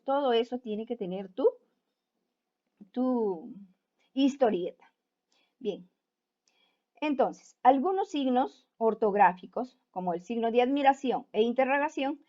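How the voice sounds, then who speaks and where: A woman teacher with a slightly high voice talks students through a writing assignment in a patient, step-by-step way. She keeps checking in with a quick "¿no?" after almost every phrase. The recording sounds dull and lo-fi. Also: a little mellow. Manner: keeps asking "¿no?" to check understanding. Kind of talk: online class explanation.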